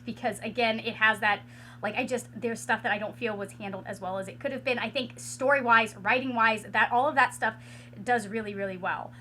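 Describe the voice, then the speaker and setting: A woman with a hoarse, raspy voice after losing it to illness, chatting casually at home as a book reviewer, rambling with many fillers and restarts. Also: fairly high pitch, fairly quick, pushed and bright, a little hiss or hum. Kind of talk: casual vlog chat. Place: at home with a ring light.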